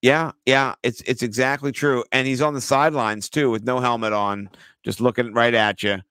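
Excitable laughing man co-hosting a podcast. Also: medium pitch, normal speed, smooth, dry recording. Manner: laughs often, animated and excitable when amused. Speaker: podcast co-host. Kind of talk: casual chat.

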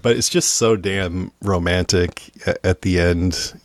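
Low-voiced man chatting about films. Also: a little slow, no room sound. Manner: animated, acts out movie lines in voices. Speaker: podcast host. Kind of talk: casual film chat.

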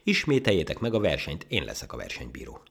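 A man's voice: very deep voice, wildly swooping pitch, creaky, a bit bright, breathy edge, heavily acted. A man voicing a polite but strict male rabbit acting as referee in a storybook tale. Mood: stern. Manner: polite, stern. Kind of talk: storybook character voice.

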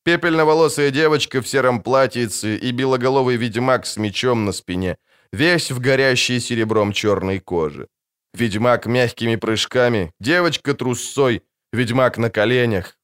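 A man narrating an audiobook in an expressive, lively reading style. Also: medium pitch, clean tone. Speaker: audiobook reader. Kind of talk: scripted narration.

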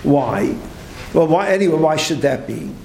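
Rabbi teaching a late-night Talmud class: higher gravelly voice, animated rhetorical questions, echoey room. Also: male voice, moderate pace, slight background noise. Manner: animated, rhetorical questions, frequent restarts, Hebrew terms.

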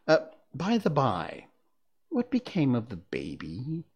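A man's voice: medium pitch, wildly swooping pitch, takes it slowly, breathy edge, full character voice. Cheshire Cat: a sly grinning cat, as a man puts him on. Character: sly grinning male cat, teasing and riddling. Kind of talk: storybook reading.

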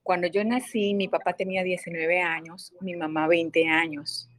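A woman's voice: lowish voice, steady tone, normal speed, fairly bright tone. A woman calling into a live show, speaking hesitantly with many fillers. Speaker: caller. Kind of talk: live call-in talk.

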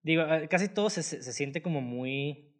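A man's voice: fairly high pitch, expressive, normal speed. A man with a Mexican accent in a casual, slangy film review chat, co-hosting and talking in a laid-back way full of filler words. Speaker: podcast co-host.

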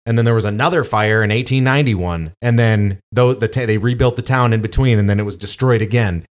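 A man's voice: lowish voice, a little fast. A man, co-hosting a podcast and telling a travel story in casual chat, with lots of fillers. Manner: rambling storytelling with many fillers. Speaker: podcast co-host.

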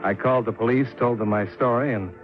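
In a muffled 1950s radio recording with music, the lead actor and narrator of a detective serial plays a cool, shrewd freelance insurance investigator who is wry and self-reliant. His mid-range male voice is steady, fast and lightly acted, delivering clipped, dry, matter-of-fact first-person hard-boiled narration and dialogue.

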